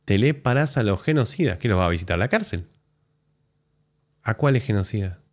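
A man's voice: lowish voice, expressive, fairly quick. A man with an Argentine accent, hosting a live stream and reacting to clips in blunt, sarcastic, profanity-heavy commentary. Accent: Argentine Spanish. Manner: blunt, sarcastic, swears often.

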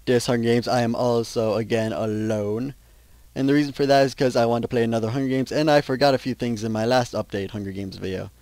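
A man's voice: mid-range voice, steady tone, fast talker, darkish tone, dry recording. A teenage young man from Minnesota, chatting casually over gameplay in a rambling, self-interrupting way. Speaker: gaming channel host.

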